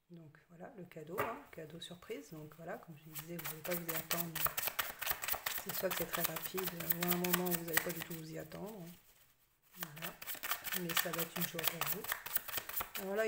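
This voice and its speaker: Soft-spoken woman reading tarot. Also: fairly low pitch, very noisy. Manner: hesitant, many fillers, soft half-whispered asides. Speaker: tarot reader. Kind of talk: casual tarot reading to camera.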